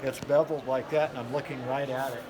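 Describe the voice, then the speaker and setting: A knife sharpening demonstrator, a middle-aged man, works through a live hands-on demo in a quick, steady, medium-pitched voice amid crowd noise. He's folksy and casual, explaining plainly and repeating key points. A handheld camera mic a step or two away captures him in a large, noisy expo hall with a concrete floor, where the background din is clearly heard.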